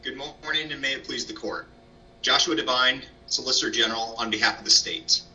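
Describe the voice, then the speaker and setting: A man's voice: medium pitch, fairly quick, sharp tone, a little hiss or hum. A man speaking as an appellate lawyer, delivering a formal, structured oral argument. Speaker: lawyer, state solicitor general arguing an appeal. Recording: dull, distant microphone pickup.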